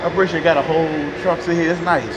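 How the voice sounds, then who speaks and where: Folksy trucker vlogging outdoors. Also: male voice, on the high side, very fast, very noisy. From North Carolina. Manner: animated, folksy, repeats "y'all" and "man". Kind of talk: casual vlog talk to viewers. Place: truck stop, indoors and outdoors in the lot.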